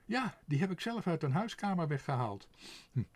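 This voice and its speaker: A man's voice: a little high, very animated, normal speed, breathy edge, no room sound, voice pushed up. A man voicing an eager, cheeky little male sparrow in an audiobook, mischievous and pleased with itself. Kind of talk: audiobook character voice.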